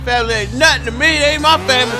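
Excitable high-voiced gamer, loud game noise. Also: male voice, racing. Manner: loud, excitable, talks to the screen. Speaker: gameplay streamer. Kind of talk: joking gameplay commentary. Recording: loud game sound behind.

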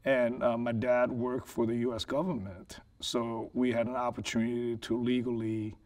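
A man in his forties from South Korea sits as an interview guest and tells his story. He talks in a loose, thoughtful way, filling pauses with "you know" and "like", and his voice sits at a middle pitch. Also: level tone, a little mellow. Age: 40s. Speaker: guest, business owner. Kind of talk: casual interview. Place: living room set.

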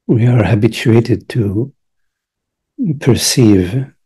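His voice is fairly low, very husky and breathy, and dark and relaxed as he guides listeners through a meditation as the teacher. He speaks gently and very slowly, in brief hushed phrases with long gaps between them.

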